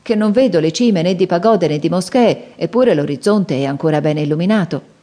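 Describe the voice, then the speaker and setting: A woman's voice: on the low side, brisk, warm tone, lightly acted. A woman voicing a loyal male Indian companion who speaks earnestly and respectfully.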